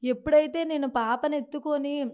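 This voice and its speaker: A woman's voice: sits high, fairly even intonation, normal speed, a little mellow. A young woman from Srikakulam with a Srikakulam Telugu accent, giving distressed, pleading testimony in an interview and keeps addressing the interviewer as sir. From Srikakulam, Andhra Pradesh. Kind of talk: emotional testimony.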